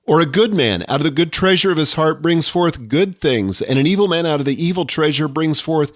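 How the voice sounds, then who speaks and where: A man's voice: fairly high pitch, lively intonation, brisk, no echo, clean studio sound. A middle-aged man hosting a solo podcast, speaking earnestly and reflectively about leadership. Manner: earnest, reflective, quotes scripture. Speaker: podcast host.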